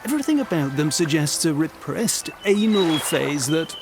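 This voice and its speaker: A high-voiced, pompous genie. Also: male voice, very animated, normal speed, noisy background. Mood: smug, condescending. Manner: pompous, wordy, affected, condescending. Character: pompous male genie turned smug psychotherapist. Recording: music clearly behind.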